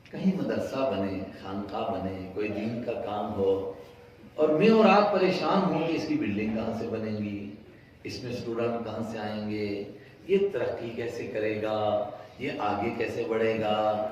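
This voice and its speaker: Echoey preacher far from the mic. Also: male voice, on the low side. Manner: storytelling, asks the audience questions, swings from soft to loud. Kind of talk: sermon. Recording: distant mic, very echoey hall, faint hum.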